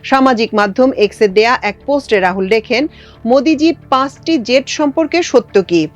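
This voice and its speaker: A woman presenting international news, reading a script in a measured, formal way. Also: on the high side. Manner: measured formal newsreader delivery.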